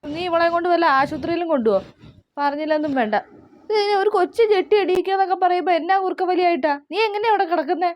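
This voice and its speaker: A woman's voice: very high-pitched, lively intonation, fast talker, dry recording, muffled recording, voice pushed up. A woman playing a fussy, scolding middle-aged mother-in-law in a comedy sketch, nagging in exclamations.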